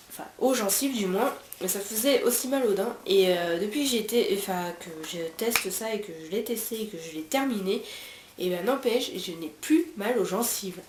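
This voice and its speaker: A woman's voice: mid-range voice, a little mellow. A French woman with a French accent reviewing beauty products in a casual chat, talking freely with many fillers and restarts. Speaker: beauty vlogger. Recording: roomy echo, faint background hiss.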